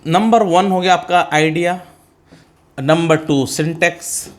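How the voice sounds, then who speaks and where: A man's voice: fairly high pitch, fairly even intonation, slow pace. A middle-aged man with an Indian accent, teaching spoken English step by step, calling students "beta" and answering his own questions. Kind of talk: classroom-style spoken English lesson.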